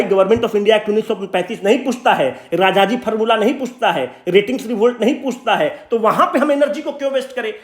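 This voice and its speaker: A young man, teaching exam aspirants in an informal coaching talk, emphatic and pleading, repeating himself and mixing in English terms. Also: sits high.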